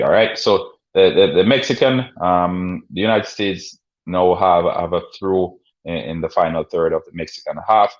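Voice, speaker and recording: A man hosting a casual live sports stream, chatting and commentating in a halting way, often repeating words and phrases. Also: sits low. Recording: dull, muffled lo-fi stream audio.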